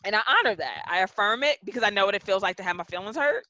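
A woman guest on a podcast, telling a story from her work in a measured, reflective way and slowing down to stress her points. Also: medium pitch, animated, sharp tone, no room sound. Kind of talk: conversational interview storytelling. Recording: dull, dry lo-fi podcast audio.

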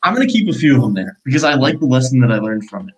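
Reflective man, wry and unhurried. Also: mid-range voice, big pitch swings, rough recording. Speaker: podcast co-host. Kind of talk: casual podcast chat.

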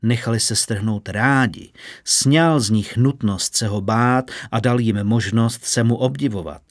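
A man narrating a fantasy story in a steady, measured audiobook reading. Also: mid-range voice, no echo, studio quality.

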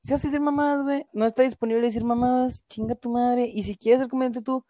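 A woman's voice: on the high side, steady tone, fast talker, dark tone, no echo. A young woman with a Mexican accent, chatting casually on a stream, full of slang and swearing. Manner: slangy, swears a lot, peppers speech with filler words. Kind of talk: casual profane stream chat.

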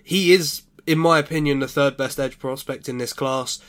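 A man's voice: mid-range voice, moderate pace, a bit bright. A man on a sports podcast giving draft commentary, announcing picks in top ten countdown fashion and arguing his case. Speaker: podcast panelist. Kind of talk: American football draft commentary.

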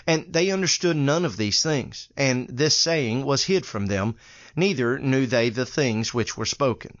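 A man reading scripture aloud in a steady, measured way. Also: medium pitch, dry recording. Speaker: Bible reader. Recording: dull lo-fi dry recording.

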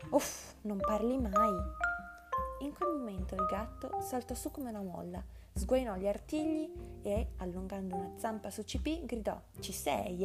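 A woman narrating a children's story in a measured, expressive way over loud background music. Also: fairly high pitch.

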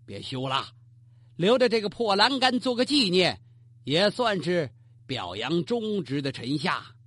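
A storyteller voicing a male emperor of ancient times who flies into rage, barks orders, and then grudgingly relents, in a husky voice with wide swings of pitch. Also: very animated, unhurried, a bit bright, full character voice. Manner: barking commands, rash.

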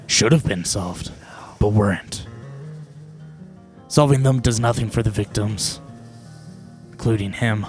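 A man voicing a sly, cynical man lurking in shadows, gravelly and sardonic, in a tabletop game. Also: lowish voice, measured pace, long pauses, darkish tone, close to an everyday voice. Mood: cynical, resigned. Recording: background music under the voice.

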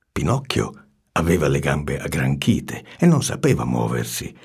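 A man reading a storybook aloud with an expressive, swinging delivery and hushed asides. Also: low-pitched, creaky, breathy edge.

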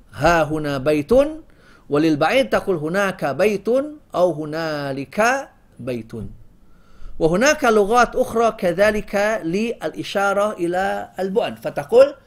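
High-voiced man teaching grammar. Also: expressive. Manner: explains slowly, recites verse, repeats example phrases. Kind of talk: classroom grammar lesson.

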